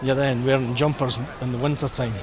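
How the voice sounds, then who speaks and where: This Scottish vlogger, middle-aged, chats informally and thoughtfully as he walks along a crowded seafront. His mid-range voice is brisk and level in tone. The outdoor audio picks up street noise and traffic.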